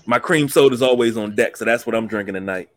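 A man's voice: lowish voice, fast, dry recording. A man hosting a podcast, chatting casually in a folksy, jokey storytelling way. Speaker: podcast host. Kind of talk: casual chat.

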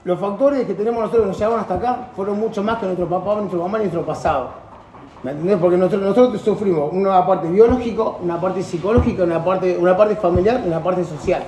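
A man's voice: high-pitched, fast, darkish tone, a little hiss or hum. A man with a Rioplatense accent, earnestly telling a personal story in a group talk and often restarting his sentences. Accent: Rioplatense Spanish. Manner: earnest, rambling, many restarts. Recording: echoey room with faint ambience.

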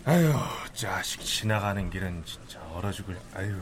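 A man playing a gruff, teasing middle-aged friend in a radio drama. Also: low-pitched, animated, moderate pace, a little hiss or hum. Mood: mocking. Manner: gruff, mocking.

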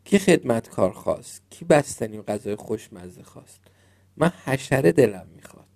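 A man's voice: medium pitch, big pitch swings, gravelly, darkish tone. A man voicing a sulky little male frog who was turned into a prince, complaining and stubborn, in a storybook reading. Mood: grumpy.

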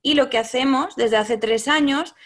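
Woman in her thirties, podcast guest, thoughtful and hesitant, a bit high-pitched. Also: moderate pace. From Spain. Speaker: guest, Spanish teacher. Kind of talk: casual interview talk.

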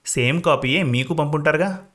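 A man's voice: fairly high pitch, moderate pace, a bit bright, close to an everyday voice. A man reading a cool-headed young man. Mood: calm. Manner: easygoing, casual with English words. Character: calm, self-assured young man candidate.

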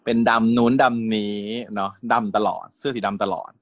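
A man co-hosting a podcast, chatting casually about a TV series, animated and laughing often. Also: fairly low pitch, a little fast, a crowd in the background. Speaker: podcast co-host. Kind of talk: casual chat reviewing a TV series.

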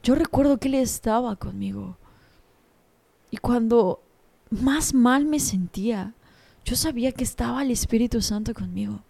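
A woman's voice: on the high side, measured pace, vocal fry, mellow. Earnest young woman giving a devotional talk. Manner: earnest, personal and confiding.

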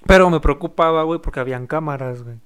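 Young Mexican man, fairly high voice, smooth and clear, crude storyteller who plays out the arguments. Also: quick pace, a bit bright. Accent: Mexican Spanish. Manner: profane, storytelling, acts out quoted arguments. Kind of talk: casual chat.

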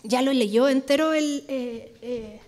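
Woman, Bible study teacher, conversational sermon, frequent check-ins with listeners, high-pitched voice. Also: takes it slowly, darkish tone.

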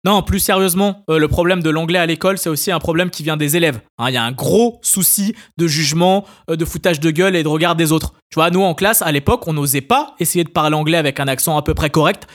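Fast-talking sarcastic French host. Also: male voice, on the high side. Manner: sarcastic, rapid, peppered with hein and tu vois. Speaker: podcast host. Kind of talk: scripted comedy monologue.

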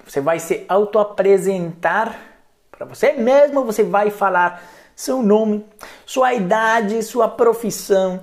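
A man, giving a chatty, playful live English lesson as a coach. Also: high-pitched. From Colombia. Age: 30s. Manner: playful, chatty, peppers talk with tag questions. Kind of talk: live-streamed language lesson.

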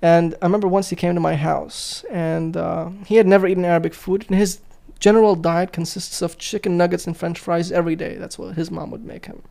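High voiced guy with a gravelly mellow tone, chatting on a podcast, blunt and swears a lot. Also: steady tone. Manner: blunt, swears freely, talks in quick bursts. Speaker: podcast host. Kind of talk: casual chat.

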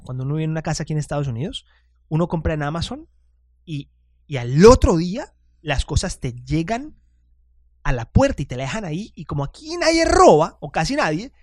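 A man's voice: sits high, darkish tone, dry recording, studio quality. A chatty man hosting a casual podcast monologue, self-deprecating and often restarting his sentences. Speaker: podcast host.

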